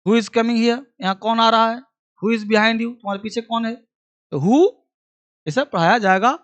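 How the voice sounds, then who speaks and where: A male teacher giving an exam-prep grammar lesson. He drills each point by repeating it slowly, as though dictating notes. He speaks to his students in a familiar, fatherly way. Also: very high-pitched, fairly even intonation, a bit bright. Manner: addresses students familiarly as son and kid; explains English grammar in Hindi.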